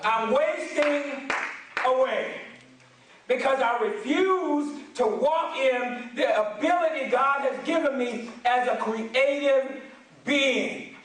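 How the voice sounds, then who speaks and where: A man preaching a booming motivational sermon, emphatic and repeating phrases for people to echo back. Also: takes it slowly, fairly bright tone, slight background noise. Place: large echoing room with responding congregation. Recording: very echoey hall, distant mic.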